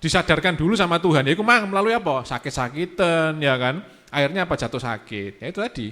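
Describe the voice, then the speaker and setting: A man, speaking as a guest in a casual church youth talk, relaxed and mixing in English phrases. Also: a little high, fast.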